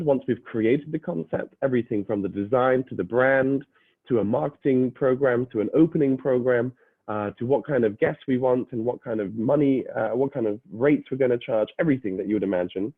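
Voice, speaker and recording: A half-British young man, a university admissions representative, gives an explanatory online presentation to prospective students, filling it with "uh"s and restarts. His mid-range voice is husky, and the dry, phone-like lo-fi audio has no echo.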